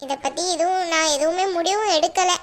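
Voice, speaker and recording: A woman's voice: extremely high pitch, fairly quick. A woman voicing a divorced elder sister in a cartoon, speaking in a subdued, resigned way. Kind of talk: cartoon voice acting.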